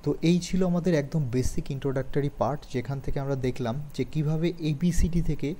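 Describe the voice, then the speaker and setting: A man's voice: on the high side, fairly quick, dark tone, a little hiss or hum. A Bengali-speaking man with a Bengali accent, teaching a beginners' English lesson, patient and repeating points while quizzing his students. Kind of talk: online lesson explaining grammar.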